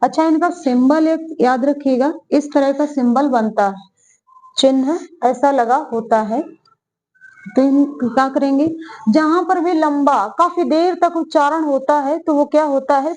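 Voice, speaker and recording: A woman gives a slow, careful grammar lesson in a fairly high voice. She repeats her phrases, asks questions and answers them herself, and stretches out vowel sounds whenever she demonstrates them. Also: a little mellow, rough recording. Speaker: Hindi teacher. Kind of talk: exam-prep grammar lesson.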